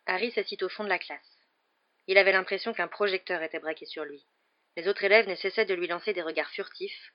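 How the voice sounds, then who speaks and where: An audiobook narrator reading a novel chapter in an even, measured storytelling manner. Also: mid-range voice, lo-fi sound. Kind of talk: scripted narration.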